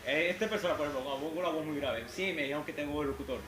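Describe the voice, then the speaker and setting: At a convention Q&A, a young male fan asks questions in a rapid-fire, slightly high voice, rambling earnestly and restarting often. The convention hall is echoey, with background noise.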